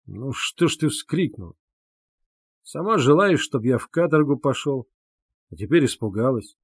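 A man's voice: medium pitch, lively intonation, moderate pace, slightly rough, no echo. Man doing tormented young man, bitter, sardonic, brooding, dry close sound.

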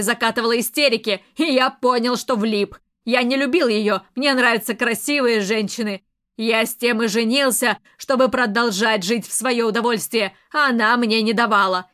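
A woman's voice: a little high, natural voice. Woman voicing a menacing domineering police colonel. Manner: loud, slow, threatening and mocking. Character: domineering menacing man, militia colonel, murderer.

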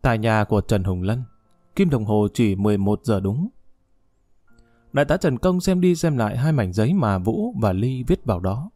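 A calm male narrator reads the story in an even, steady way. His voice is dark and mellow, recorded close and dry, with faint music underneath. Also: on the low side, moderate pace, no echo. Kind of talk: audiobook narration.

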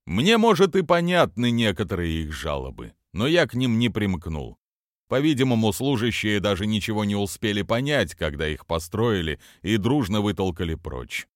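A man's voice: lowish voice, very animated, normal speed, no room sound. A male reader voicing a stiff, somewhat prim, worried middle-aged father in a dry audiobook recording. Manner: slightly prim, terse.

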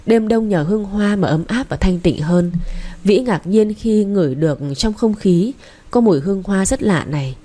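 A woman narrating a romance novel as an audiobook, reading steadily and gently. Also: mid-range voice, animated, normal speed.

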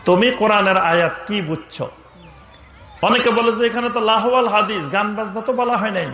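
A man's voice: high voice, moderate pace, pushed and bright, reverberant. A man preaching a sermon with fiery emphasis, chanting Arabic quotations in a sung tone. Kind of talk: Bengali waz sermon.

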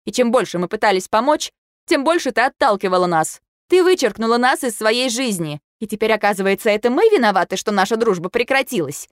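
Woman reading a sharp-tongued young woman, loud, reproachful, slightly raised pitch, dry audiobook recording. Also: very animated, a little fast, dry recording. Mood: angry, reproachful. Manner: forceful, barking and reproachful.

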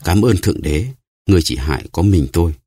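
A man's voice: sits low, expressive, fast, warm tone, husky, dry recording, studio quality. A man voicing a ruined, grief-stricken merchant who talks in a choked, solemn way in an audiobook. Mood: grieving.

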